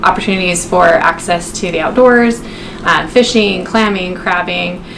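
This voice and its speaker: A woman's voice: on the low side, unhurried, noisy background. A woman from the residency faculty speaking steadily and informatively, with "um" fillers.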